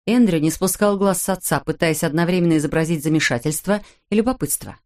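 A woman reading an audiobook in a measured, dramatic narration. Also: on the low side, a little mellow. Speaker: audiobook reader. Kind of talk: scripted narration.

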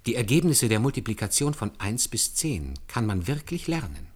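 In a German radio play, an actor voices an earnest, deferential calculator who patiently walks his superiors through hand arithmetic step by step. His mid-range voice swings widely in pitch at a normal speed, sounds slightly rough, and stays patient and assured.

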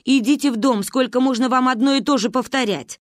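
A woman reading aloud and voicing a gentle, pious old grandmother who pleads with and scolds those around her. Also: on the high side, huge pitch swings, normal speed, no echo, clean studio sound. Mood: scolding.

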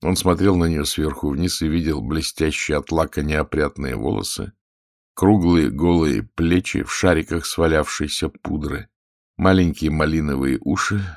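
A man reading an audiobook in a measured, even manner. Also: very deep voice, dry recording, clean studio sound. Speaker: audiobook reader. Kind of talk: audiobook narration.

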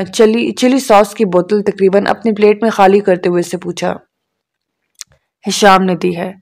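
A woman reads a novel aloud as an audiobook narrator. Her reading is steady and even, at an ordinary mid pitch for a woman.

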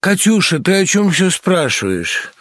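A man voicing an anxious, fiercely protective young woman in a literary audiobook, raising his pitch and speaking with pleading urgency. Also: sing-song, moderate pace, no echo, studio quality.

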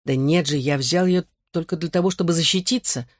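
A patient young man talking someone down in a calm, earnest, soothing voice, as a male narrator reads him. He sounds close to the reader's own voice, mid-pitched and steady. The recording is dry. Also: a little fast, no echo, lightly acted.

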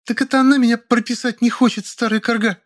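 A man's voice: very high-pitched, flat delivery, fast talker, pitched above the performer's own voice. A man voicing a brash, quarrelsome young woman who screeches insults at her neighbours. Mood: shrieking, furious.

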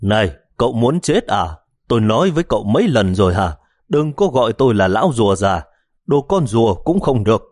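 A man's voice: on the low side, big pitch swings, darkish tone, no echo. A male narrator voicing a cranky, mischievous old man who complains and scolds. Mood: angry. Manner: petulant, quick complaining.

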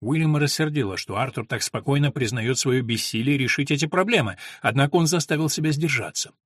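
A man narrates a novel in a measured storytelling manner. His voice sits at a middle pitch. The recording is dry and close. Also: no room sound. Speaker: audiobook narrator. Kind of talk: scripted narration.

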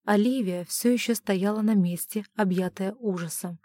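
A woman reading a romance novel aloud as an audiobook narrator, measured and even. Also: medium pitch, dry recording, clean studio sound.

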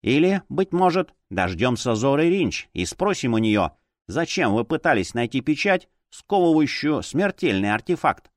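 A man voicing a quick-witted young woman who is a living porcelain doll, in an audiobook, speaking politely and composedly in a slightly raised voice. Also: mid-range voice, big pitch swings, no echo, clean studio sound, lightly acted. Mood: cool, evasive. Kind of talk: audiobook character voice.

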